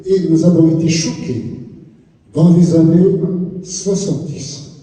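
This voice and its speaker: An older man from Kabylie in Algeria, giving a halting, deliberate conference talk that repeats words. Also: a little high, mellow. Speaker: conference panelist. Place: large town hall conference room. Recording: echoey hall from far off.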